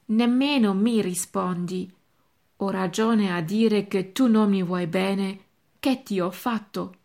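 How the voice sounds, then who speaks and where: A woman's voice: mid-range voice, steady tone, slow, creaky. Woman reading as a sulky complaining nephew. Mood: resentful. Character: aggrieved grown nephew, complaining and petulant.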